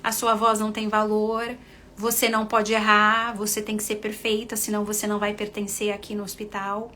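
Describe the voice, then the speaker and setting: Speaking a little fast in a bright, forceful, monotone mid-range voice, a middle-aged Brazilian woman with a Brazilian Portuguese accent addresses her followers as friends. She's a confidence coach on a casual livestream, and there's a little hiss or hum.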